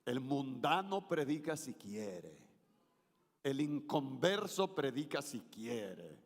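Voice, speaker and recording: A man's voice: mid-range voice, sing-song, slow. A middle-aged man preaching a sermon as pastor, playing with his intonation for emphasis and leading the congregation in call-and-response. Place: church sanctuary. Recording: reverberant church hall.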